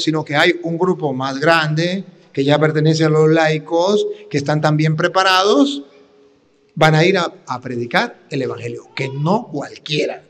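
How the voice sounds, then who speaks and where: Preaching priest in a reverberant hall. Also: male voice, a little high. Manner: teaching, asks the audience questions. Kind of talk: sermon. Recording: long reverb of a large hall.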